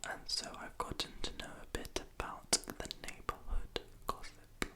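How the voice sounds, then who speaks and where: A young adult speaking in a soft, breathy, unvoiced whisper, rambling hesitantly and self-deprecatingly to the viewer in an ASMR style. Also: normal speed. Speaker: ASMR video creator. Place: small room in a house at night.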